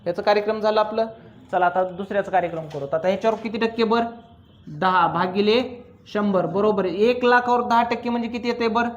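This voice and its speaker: A man teaching accounts to a classroom, firing quick questions at his students and teasing them as he drills each step. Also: high-pitched, fairly even intonation, highs cut off. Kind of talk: classroom lecture.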